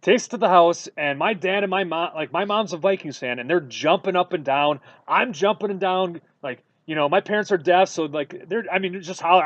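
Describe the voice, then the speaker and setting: A man from Wisconsin co-hosting a sports podcast, telling stories in a casual, animated way with lots of fillers. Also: a little high, no echo, dull audio. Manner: animated storytelling with many fillers. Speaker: podcast co-host.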